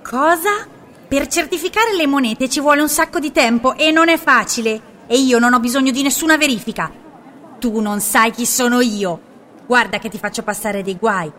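A man voicing a shrill, haughty and bossy woman in a storybook reading. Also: normal speed, pushed and bright, a little hiss or hum. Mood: furious. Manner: screeching and imperious.

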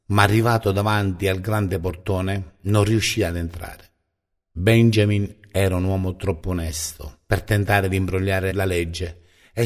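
A man narrating a children's story in a calm, measured way. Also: on the low side.

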